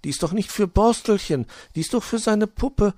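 Man voicing a coaxing mother hedgehog, raised pitch, storybook warmth. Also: expressive, normal speed, dry recording, studio quality. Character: motherly female hedgehog, fibbing sweetly.

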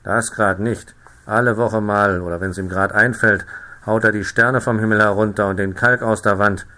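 Ein Mann spricht einen dicken, schlitzohrigen Bauern, herzhaft und prahlerisch, in einer Hörbuchlesung. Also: male voice, on the low side, fairly even intonation, normal speed, bright, forceful tone. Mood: indignant. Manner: hearty and boastful. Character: jolly, sly stout male farmer.

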